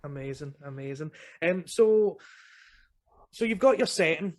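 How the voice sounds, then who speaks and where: Guy interviewing, kinda high voice, lots of um and like. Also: expressive, a little slow. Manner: rambling questions full of fillers. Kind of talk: casual interview questions.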